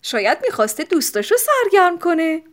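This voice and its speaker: A woman voicing a gentle mother who reassures her little daughter. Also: extremely high pitch, very animated, heavily acted. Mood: soothing.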